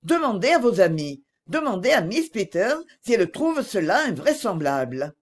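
A woman's voice: medium pitch, very animated, normal speed. A woman reading an audiobook voices a passionate young man who speaks reproachfully.

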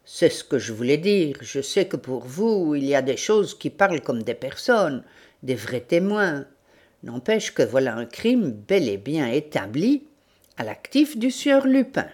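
An eager, talkative police sergeant lifts his voice as he speaks up to his chief, quick to agree and keen to please, as a woman narrator puts him on. He is voiced in a read-aloud detective novel. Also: deep voice, very animated, a little mellow, heavily acted.

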